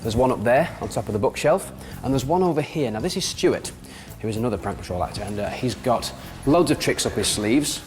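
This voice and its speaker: A man's voice: mid-range voice, expressive, fairly quick, few pauses, darkish tone, long reverb tail. A man hosting a TV prank show, chatty and jokey as he presents to camera.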